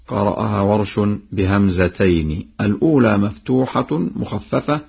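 Slow husky man teaching Quran recitation. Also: on the low side, highs cut off. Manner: alternates plain explanation with slow chanted recitation. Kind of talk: explaining and demonstrating Quran recitation readings.

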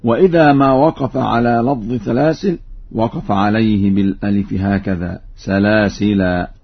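A man teaching recitation variants, giving measured spoken explanations and then chanting each example slowly and melodically. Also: mid-range voice, breathy edge, highs cut off.

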